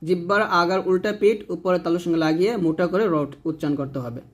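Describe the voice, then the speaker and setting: A man, teaching Quran reading slowly, drawing out each letter name and then explaining how it is said. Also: sits high. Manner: drawn-out letter names, then plain explaining. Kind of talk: slow step-by-step recitation lesson.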